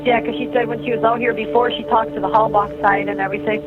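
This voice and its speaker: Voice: medium pitch, little pitch movement, fast talker. A caller chatting plainly over a tinny payphone call from a jail. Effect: tinny payphone line from a jail. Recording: tinny phone line with music over it.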